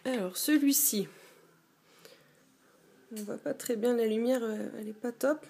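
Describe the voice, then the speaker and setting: A young woman vlogging from a dim bedroom, her voice sitting a little high. She talks in a casual, chatty show-and-tell way. She pauses often and fills the gaps as she goes. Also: gravelly, dark tone, slightly rough. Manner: chatty, hesitant, many fillers. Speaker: beauty vlogger.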